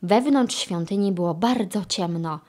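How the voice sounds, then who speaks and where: A woman narrating a children's audiobook with expressive storytelling. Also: medium pitch, measured pace.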